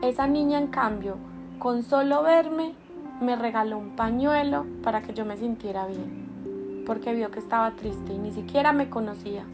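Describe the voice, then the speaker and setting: A woman's voice: on the high side, normal speed, music in the background, close to an everyday voice. A woman voicing a tired, mistreated servant woman who steadily refuses her mistress. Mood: defiant.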